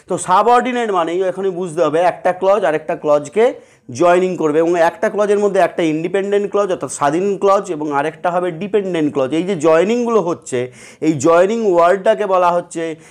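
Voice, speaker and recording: A man with a Bengali accent teaching a grammar lesson to students, explaining step by step and often asking them questions. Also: sits high. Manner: explanatory, asks students questions, acts out sample sentences.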